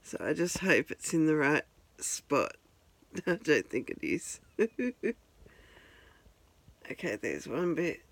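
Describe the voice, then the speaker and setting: A woman vlogger with a deep, gravelly voice chats casually to her phone camera at home, rambling and poking fun at herself. The handheld phone recording has no echo.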